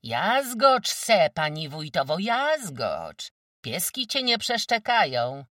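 A jeering peasant woman with a sharp tongue, as an audiobook reader puts her on, pitched high and swinging up and down as she mocks. The voice sounds dry and set back from the mic. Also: huge pitch swings, slow, dry recording, distant mic, heavily acted. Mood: taunting. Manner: jeering, shrill, mocking. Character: mocking, foul-mouthed peasant woman neighbor. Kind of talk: audiobook character reading.

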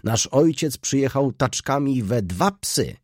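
A man voicing a jovial, sarcastic middle-aged shopkeeper who teases in a calm, mocking tone. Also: medium pitch, measured pace, dry recording, studio quality, pitched above the performer's own voice. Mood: teasing. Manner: teasing, sarcastic tone.

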